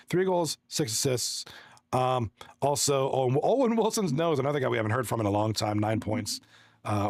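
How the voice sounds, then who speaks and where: A man from Toronto, Canada, an esports hockey commentator, chats casually on a livestream, friendly and rambling as he reads chat aloud and runs through stats with many restarts. His medium-pitched voice is clean studio sound with no room sound.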